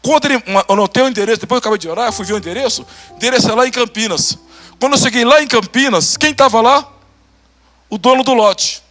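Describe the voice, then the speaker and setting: A man's voice: very high-pitched, fast talker, faint music behind. A Brazilian pastor preaching a testimony sermon, acting out conversations and laughing as he tells it. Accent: Brazilian Portuguese. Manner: animated, acts out dialogue, laughs.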